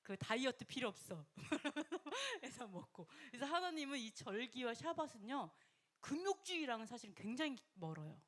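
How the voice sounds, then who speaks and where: A woman preaching a sermon in a lively, conversational way, often laughing and acting out quoted voices, sometimes dropping to a whisper. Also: high voice, moderate pace. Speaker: pastor.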